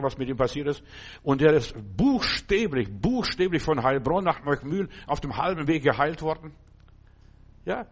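A man preaching a sermon in German, animated, addressing listeners directly and breaking into sudden emphatic bursts. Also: on the high side, husky. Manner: addresses listeners directly, often asks "verstehst du".

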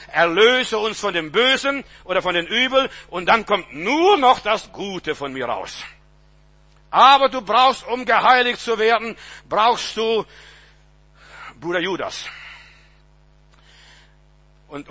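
A man's voice: high voice, bright, forceful tone, slightly rough. A man preaching a sermon, emphatic and repetitive, often restarting with stammered words, on a radio-style recording.

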